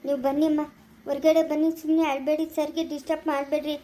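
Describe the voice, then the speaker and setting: A composed hospital worker speaks firmly and reassuringly to a distressed family, as a woman puts on a lower voice. The voice sits clearly below the performer's usual high pitch and has a mellow tone. It suits a homemade family drama. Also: fast, lightly acted. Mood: calm, firm. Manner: firm, calm, reassuring. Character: hospital staff member calming the family.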